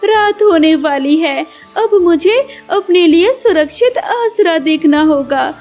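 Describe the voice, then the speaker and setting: A woman voicing a gentle, humble young wife bird in a cartoon, speaking politely and caringly. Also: very high voice, expressive, takes it slowly, faint music behind, heavily acted. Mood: resolute.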